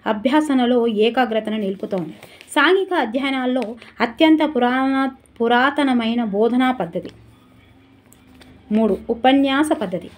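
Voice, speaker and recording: A woman teacher giving a brisk, chatty exam revision lesson and turning aside to talk to viewers. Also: a little high.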